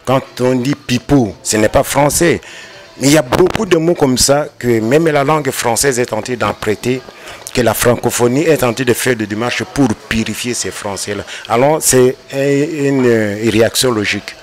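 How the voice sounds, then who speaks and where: A man's voice: mid-range voice, moderate pace, faint music behind. A man, a panel guest explaining his view and mixing in Lingala words. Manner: explanatory, mixes in Lingala, rises emphatically. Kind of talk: debate discussion.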